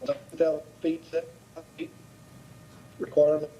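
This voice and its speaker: A board member asking halting questions at a public hearing over a video call whose audio keeps breaking up. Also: male voice, on the high side, completely flat delivery, mellow. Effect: choppy video call audio cutting out. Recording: dull lo-fi video call line.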